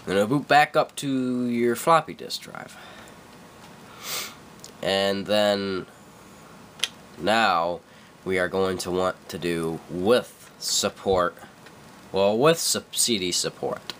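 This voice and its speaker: In a dim room at his computer, a young man with a stuffy cold makes a casual screen-recorded tutorial, rambling, backtracking to correct himself, and dropping frequent fillers. He speaks slowly in a low, slightly bright voice with long pauses, and a faint hiss or hum runs underneath.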